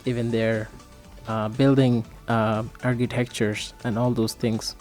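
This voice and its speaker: A man from Bangladesh, a radio guest explaining at a measured pace with many fillers. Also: mid-range voice, little pitch movement, a little mellow, faint music behind. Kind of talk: casual explanation.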